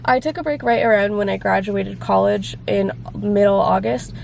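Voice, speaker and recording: A woman's voice: mid-range voice, fairly even intonation, moderate pace, vocal fry, a little mellow, slight background noise, rough recording. A woman in her twenties vlogging in a chatty, rambling way, her voice congested and phlegmy from a cold. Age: 20s. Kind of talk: casual chat to camera. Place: car and around town.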